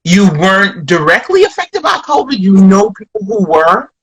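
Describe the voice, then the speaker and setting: In a casual interview, a comedian from Flatbush, Brooklyn tells stories in a reflective, wandering way, restarting often and leaning on "you know", in an American accent. She speaks at normal speed in a husky, mid-range voice with big pitch swings, on a low-quality recording.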